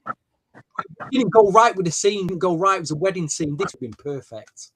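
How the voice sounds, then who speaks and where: A man's voice: high voice, lively intonation, moderate pace, a bit bright, husky, poor audio. Man on a glitching video call. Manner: enthusiastic, repeats himself for emphasis. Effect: glitching audio, cutting in and out. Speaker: guest reviewer. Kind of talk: casual video-call discussion.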